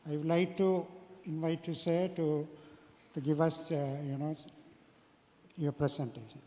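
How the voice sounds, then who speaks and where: Male moderator, Sri Lankan accent, slightly high voice, halting formal delivery, long hall reverb. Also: steady tone, mellow. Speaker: symposium moderator introducing a speaker. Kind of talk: formal introduction speech. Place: large hall at a symposium.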